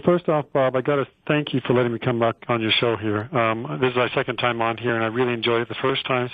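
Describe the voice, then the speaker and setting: A man, a physician guest on a radio show, explaining a treatment in a relaxed way with many fillers and restarts. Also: medium pitch, no echo. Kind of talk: casual explanatory interview. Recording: tinny phone line.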